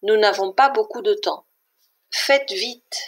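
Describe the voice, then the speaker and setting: A woman voicing a calm adult woman who gives firm instructions in a deliberate way, close to her own reading voice. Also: medium pitch. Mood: urgent.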